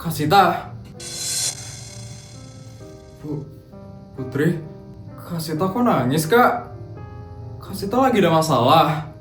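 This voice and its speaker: A woman voicing a kind, curious young schoolgirl heroine who speaks gently in a cartoon. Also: low voice, lively intonation, slow pace, long pauses, echoey room, soft background music, pitched below the performer's own voice. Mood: caring. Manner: gentle, concerned, soft-spoken. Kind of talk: cartoon voice acting.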